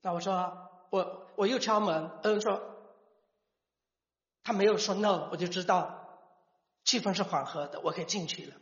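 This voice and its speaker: A middle-aged man gives a personal testimony as a father, halting and restarting words as he tells the story. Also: sits high. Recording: echoey hall, dull lo-fi sound.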